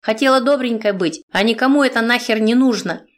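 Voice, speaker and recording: A woman reading an audiobook, voicing a bossy middle-aged godmother who scolds coarsely and loudly. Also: on the high side, a little fast, natural voice. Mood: scolding.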